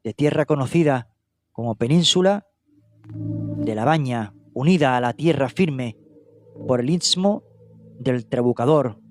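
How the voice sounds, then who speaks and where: A man's voice: mid-range voice, measured pace, long pauses. A man narrating a true-crime case in documentary style, reading steadily with small hesitations and self-corrections. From Spain, not Catalonia. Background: music.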